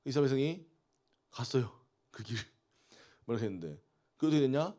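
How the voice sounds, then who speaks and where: A man gives a sermon to a youth group, his pitch rising and falling in a lively way. He talks with the teens more than at them and keeps asking them questions. His voice sits at a middle pitch. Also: fairly quick. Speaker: youth pastor.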